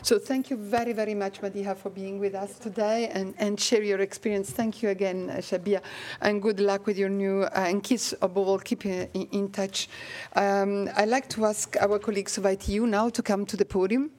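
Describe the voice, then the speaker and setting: A woman's voice: medium pitch, little pitch movement, moderate pace, hardly any pauses, darkish tone. A woman moderating a press briefing, formal and polite, with repeated thanks.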